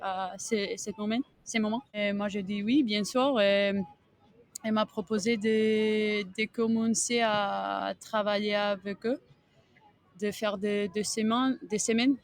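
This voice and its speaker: Slow, halting woman with a Greek accent. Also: mid-range voice, steady tone. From Greece. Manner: halting, searching for words in non-native French. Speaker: tennis coach and podcast guest. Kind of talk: interview answers.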